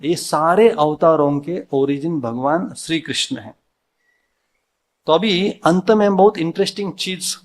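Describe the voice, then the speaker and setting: Man, Indian accent, devotional sermon, slightly high voice, rhetorical questions, temple hall. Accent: Indian, mixing Hindi with English words. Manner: asks the audience questions and answers them himself. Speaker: devotee speaker giving a Sunday talk.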